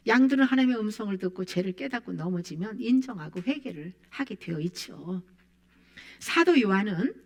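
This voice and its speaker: Woman preacher, fairly high and animated, emphatic sermon delivery. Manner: emphatic, rising and falling preaching voice.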